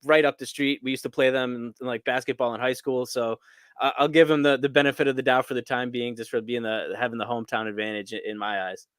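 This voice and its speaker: An upbeat man from Scranton, Pennsylvania, chats about football on a podcast. His voice is smooth and clear, captured dry and close to the mic. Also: medium pitch, steady tone, fast talker, fairly bright tone, no room sound. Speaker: podcast co-host. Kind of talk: casual sports talk.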